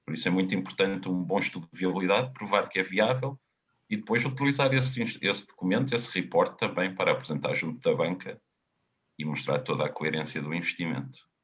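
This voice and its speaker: A man with a European Portuguese accent, a consultant answering webinar questions in a halting, explanatory way, often repeating words. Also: low voice, fairly even intonation, a bit bright. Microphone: video call. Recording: dull lo-fi webinar audio.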